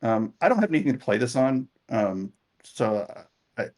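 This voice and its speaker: Lively, joking podcast co-host man. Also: medium pitch, moderate pace. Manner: lively, dry jokes, hesitant with ums. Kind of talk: casual podcast chat.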